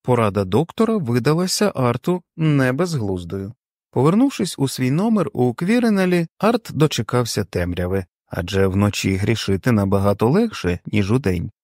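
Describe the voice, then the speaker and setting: A man's voice: medium pitch, very animated, normal speed, darkish tone, dry recording, studio quality. A man narrating a story as an audiobook, reading expressively.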